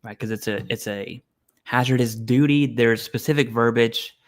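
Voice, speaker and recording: A man's voice: medium pitch, moderate pace. A man hosting a casual live Q&A stream, reading viewer questions aloud and answering bluntly and informally. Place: home setup, eating while streaming.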